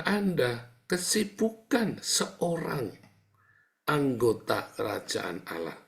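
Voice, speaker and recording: A man preaching a sermon. He talks to his listeners like a chatty teaser, breaks into sound-effect words, and swings between booming outbursts and soft asides. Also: creaky. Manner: addresses listeners as "saudara", chatty and teasing. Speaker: pastor.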